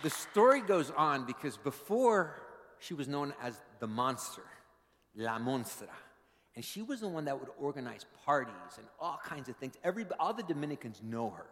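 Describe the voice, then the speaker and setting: A man who is a pastor, giving a sermon full of personal stories that builds to fervent, animated preaching in a church. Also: medium pitch, moderate pace. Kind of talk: sermon with storytelling. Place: church sanctuary. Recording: long reverb of a large hall.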